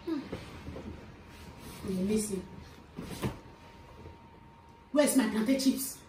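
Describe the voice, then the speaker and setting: A woman's voice: fairly high pitch, drawn-out words, mellow, far from the mic. A woman acting a harsh, scheming mother who scolds and commands the children in an amateur family skit. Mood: scolding. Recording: echoey room, off-mic, background noise.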